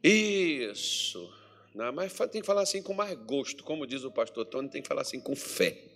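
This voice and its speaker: A man's voice: moderate pace, soft background music. A Brazilian man preaching a sermon as pastor in a church hall, chatty and joking with the congregation. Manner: jokey, chatty preaching with lively pitch swings.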